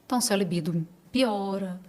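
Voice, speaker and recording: A Brazilian woman in her late thirties, a clinic owner, appears as a podcast guest giving advice on supplements in a conversational interview. Her voice is medium-pitched and a little mellow, at a moderate pace, and she speaks emphatically, reassuring listeners directly.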